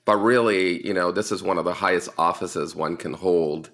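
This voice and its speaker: A man's voice: sits low, fairly even intonation, moderate pace, a bit bright. A man hosting an interview show, asking his guest questions and laughing along with him.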